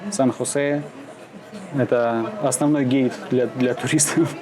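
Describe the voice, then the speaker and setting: A man's voice: mid-range voice, fairly even intonation, a little slow. Hesitant man talking outdoors, crowd behind. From Russia (Siberia). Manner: hesitant, many fillers and restarts. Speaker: interviewee, expat businessman. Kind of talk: casual outdoor interview. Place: outdoors in the shade, urban.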